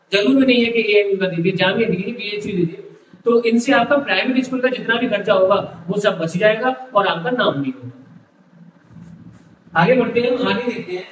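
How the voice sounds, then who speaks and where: A man's voice: high-pitched, far from the mic. Man, coaching tutor, lists topics and repeats them, echoey room, faint background noise. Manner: repetitive, lists topics one by one. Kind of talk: explaining exam syllabus.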